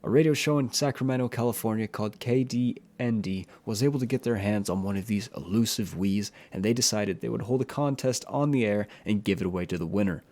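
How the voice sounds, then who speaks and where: Man, lowish voice, scripted true-crime narration, earnest and plain, personal asides. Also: fairly quick, few pauses, darkish tone. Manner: plain, earnest retelling with brief personal opinions. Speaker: YouTube horror storyteller.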